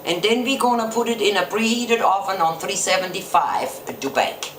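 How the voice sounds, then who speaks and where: A woman with a German accent talks through a recipe one step at a time, with the odd slip in her English. Her voice sits at a middle pitch and rings off the hard surfaces of an echoey kitchen. Faint clatter of pans and stirring sits behind her. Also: animated, moderate pace, a bit bright, a little hiss or hum. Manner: plain step-by-step explaining with small grammar slips. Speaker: home cook. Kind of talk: cooking demonstration. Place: home kitchen.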